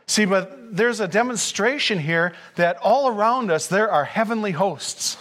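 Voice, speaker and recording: A high-pitched man preaching in a church sanctuary. He reads scripture and then talks earnestly to his congregation, pressing his points with growing fervor. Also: animated, unhurried, fairly bright tone. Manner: earnest, rising to fervent emphasis. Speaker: pastor. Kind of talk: sermon.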